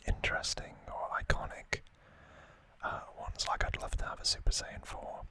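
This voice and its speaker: Musing without any rush, a man whispers gently and breathily while hosting an ASMR unboxing video.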